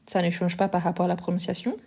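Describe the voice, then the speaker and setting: Woman French teacher with a Lyon accent, live-stream grammar lesson, mellow and warm, deliberate and explanatory. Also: lowish voice, monotone, vocal fry. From France and Brazil. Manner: explanatory, repeats forms slowly, gets indignant answering critics.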